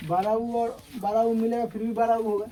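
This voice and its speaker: A man's voice: extremely high pitch, level tone, brisk, dark tone, low-quality recording. A male teacher giving a classroom grammar lecture, explaining step by step and often checking that students understand.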